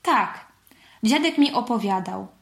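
A woman's voice: a little high, expressive, measured pace, creaky, roomy sound. A woman voicing a caring but firm mother in a storybook reading. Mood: warm.

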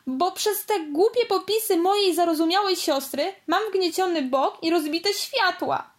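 Woman reading a grumpy boy racing car from a kids' story, whiny, highish voice. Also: lively intonation, measured pace. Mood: complaining. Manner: sulky, complaining. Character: grumpy young boy race car, older brother. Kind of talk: storybook read-aloud.

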